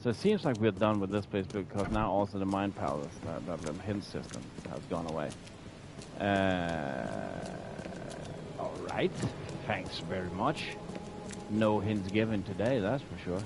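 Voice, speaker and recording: Male game streamer: lowish voice, chummy, repeats himself, casual commentary over faint game noise. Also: measured pace. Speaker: game livestreamer.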